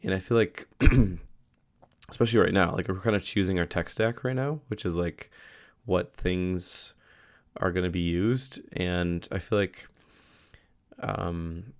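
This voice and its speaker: Low-pitched and taking it slowly, a young man records a casual video diary as a vlogger. He's a little sick and losing his voice to a cold, rambling along with plenty of fillers and restarts.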